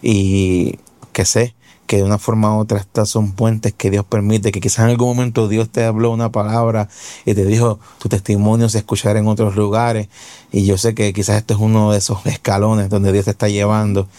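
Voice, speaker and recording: Low mellow-voiced man hosting. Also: flat delivery, fairly quick, no room sound. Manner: warm, encouraging, restating the guest's words. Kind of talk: interview.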